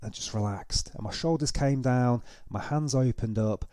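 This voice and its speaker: A man's voice: mid-range voice, moderate pace, warm tone, dry recording, studio quality. A man hosting a reaction video, giving casual, conversational commentary and explaining things as he goes. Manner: explanatory, conversational, with tag questions.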